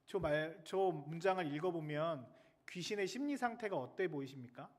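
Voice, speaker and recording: A male military chaplain preaching a sermon in a lively, chatty way, joking with the children in the pews. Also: a little high, normal speed.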